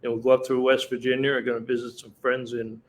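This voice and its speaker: A male co-host chatting casually, with a mid-pitched voice. He banters with his partner and cracks jokes as he goes. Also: flat delivery, quick pace. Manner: chatty, wisecracking. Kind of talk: casual chat. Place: on the road while traveling.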